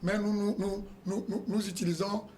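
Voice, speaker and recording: A man's voice: high voice, little pitch movement, normal speed, darkish tone, slight background noise. A man speaking as a guest on a TV panel, hesitating and searching for words. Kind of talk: TV panel discussion.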